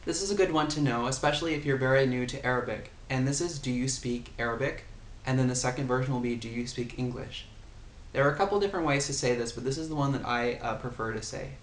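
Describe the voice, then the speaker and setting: Quick-paced and mid-range in pitch, a male language tutor explains patiently and repeats example phrases in a casual lesson. The recording has an echo and some faint ambient sound.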